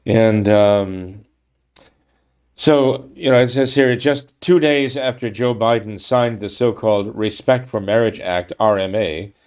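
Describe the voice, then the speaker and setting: A man's voice: fairly low pitch, a little slow, a little mellow, clean tone. A man giving a political commentary monologue, reading from a news article and reacting indignantly, with frequent restarts and tag questions. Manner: emphatic, indignant, with frequent restarts and "okay? right?" tags.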